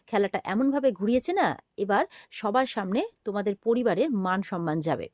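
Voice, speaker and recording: Rapid-fire woman retelling a story. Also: mid-range voice, lively intonation, darkish tone, dry recording, studio quality. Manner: rapid, with fillers like "um" and "aah". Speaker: serial recap narrator. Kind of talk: fast storytelling recap.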